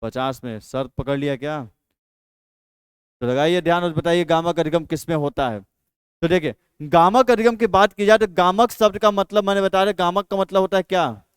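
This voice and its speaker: A man's voice: high-pitched, normal speed, clear, resonant tone, no echo. A man teaching an exam practice lesson, repeating each question and then answering it himself.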